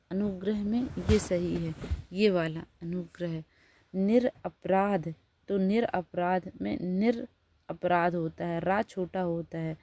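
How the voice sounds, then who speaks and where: A woman's voice: medium pitch, mellow. A woman teacher giving a Hindi spelling lesson. She reads each word out, then explains and corrects it.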